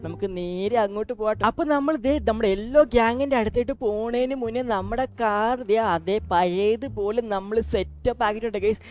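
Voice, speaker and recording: ഒരു സ്ത്രീ, ഗെയിമിംഗ് ചാനലിന്റെ അവതാരക, പ്രേക്ഷകരോട് സംസാരിച്ച് അവരെ വിളിച്ചുകൊണ്ട് വർത്തമാനം പറയുന്നു. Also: female voice, a little high, fairly quick, hardly any pauses, a little mellow. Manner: chatty, calling out to viewers. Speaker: gaming channel host. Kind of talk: casual address to viewers.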